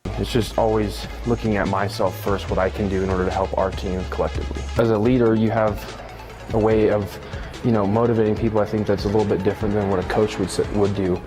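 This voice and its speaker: A young man, a college football player, speaking in an interview clip, earnest and measured. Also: on the low side, little pitch movement, music in the background. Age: young adult. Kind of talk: post-practice interview.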